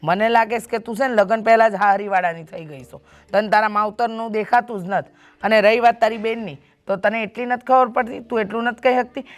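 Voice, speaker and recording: A woman's voice: fairly high pitch, a little fast, natural voice. A woman playing a stern mother. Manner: stern, lecturing. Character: worried mother lecturing her daughter. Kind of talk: family drama acting.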